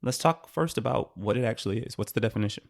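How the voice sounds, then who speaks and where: A man's voice: medium pitch, expressive, fast, vocal fry. A man co-hosting a podcast, talking loosely and conversationally, with lots of "like" and "right?" tags. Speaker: podcast co-host. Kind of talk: casual chat.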